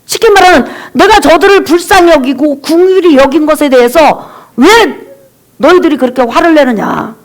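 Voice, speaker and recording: A woman pastor preaching a sermon, retelling the story with lively acted-out dialogue and calling for the congregation's amen. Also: high voice, normal speed. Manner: animated storytelling, acting out characters' dialogue; calls on the congregation to read and say amen.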